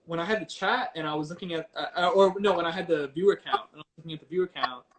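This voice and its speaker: Higher-voiced man on a noisy headphone mic. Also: very fast. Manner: informal, hesitant, repeats words and phrases. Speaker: DJ and livestreamer, interview guest. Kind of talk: casual chat. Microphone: headphones used as a mic.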